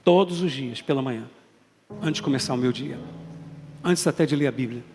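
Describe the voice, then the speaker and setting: A man's voice: mid-range voice, fairly quick, darkish tone. A man with a Brazilian Portuguese accent preaching a sermon as a bishop, emphatic and calling out to the congregation. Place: large church hall. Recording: long hall reverb, faint music.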